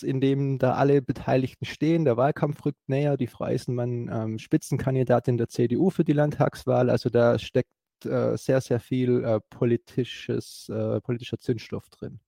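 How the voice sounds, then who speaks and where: A man talking through a policy matter in a gravelly, mellow voice, recorded close and dry. He keeps pausing with fillers and restarting his sentences. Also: mid-range voice, fairly even intonation, no room sound. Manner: hesitant, many fillers and restarts. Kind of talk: explanatory talk.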